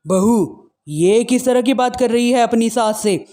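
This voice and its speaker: A woman's voice: fairly high pitch, measured pace, dark tone, natural voice. A woman voicing a cold, bossy middle-aged stepmother scolding her daughter-in-law in a family drama story. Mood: stern, scolding.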